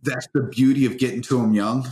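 A man's voice: mid-range voice, steady tone, brisk, dark tone. Wry joking man in a roomy echo. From American South. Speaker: podcast co-host. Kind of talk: casual chat.

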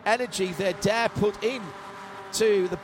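A man commentates on live motorsport in a high-pitched voice. He gives vivid play-by-play with dry, wry humour. Race cars and trackside noise are clearly heard behind him. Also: measured pace. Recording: trackside broadcast with loud engine noise. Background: racing cars and trackside ambience.

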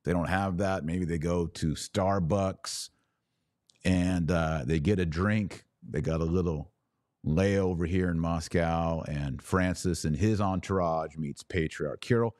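An American podcast host and religious commentator delivers casual solo commentary sprinkled with wry, informal asides. His voice is low and darkish, his pace slow, and the studio-quality recording has no room sound.

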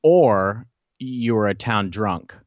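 A man joins a podcast as a guest, joking and teasing in a casual way. His voice sits a little low and sounds slightly dull and lo-fi. The sound is dry. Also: expressive, takes it slowly, no room sound.

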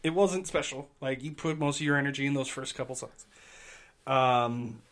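A man's voice: medium pitch, normal speed, fairly bright tone. A man running a tabletop game as game master. He narrates casually, laughs often and swears freely.

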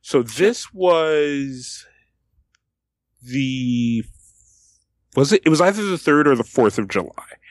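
A young man co-hosting a casual podcast, who tells an animated story full of restarts and laughter. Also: mid-range voice, slow pace, pauses often, no echo, clean studio sound. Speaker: podcast co-host. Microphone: podcast microphone.

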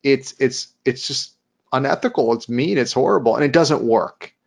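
A man's voice: medium pitch, animated, moderate pace, vocal fry. A man co-hosting a casual talk show, chatting loosely and acting out quoted lines as he tells stories. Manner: chatty, retells scenes with acted-out quotes. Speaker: podcast co-host. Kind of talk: casual conversation.

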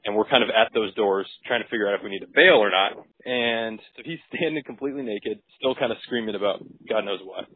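A man, a physician, casually recounting a case on a podcast with relaxed, wry and crude asides. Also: on the low side, breathy edge, no echo. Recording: tinny dry phone-like recording.

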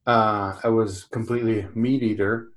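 A man in his forties from Canada hosting an interview, friendly and halting, often repeating his words. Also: fairly low pitch, fairly even intonation. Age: 40s. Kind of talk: conversational interview.

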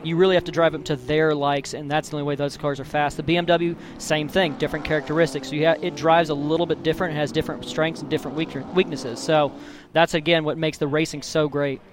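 A man's voice: a little high, level tone, fast talker. A man who races himself, giving expert analysis during a live motorsport broadcast. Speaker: racing driver and expert analyst. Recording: clear engine and track noise.

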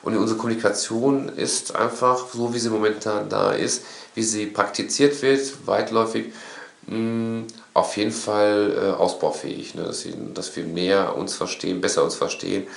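A man in casual conversation, talking in an animated, rambling way and often tagging his sentences with a questioning "ne". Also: on the low side, moderate pace, gravelly. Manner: animated, rambling, frequent tag "ne?". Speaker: course instructor. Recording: echoey room.

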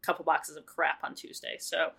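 A woman's voice: deep voice, little pitch movement, normal speed, vocal fry, a bit bright, breathy edge. A young woman co-hosting a casual podcast chat, chatty and loose with light swearing. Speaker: podcast co-host.

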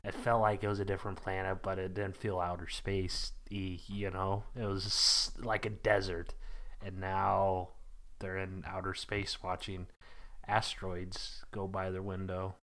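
A man co-hosting a casual podcast chat, excitable and stumbling over his words. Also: low-pitched, unhurried. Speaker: podcast co-host.

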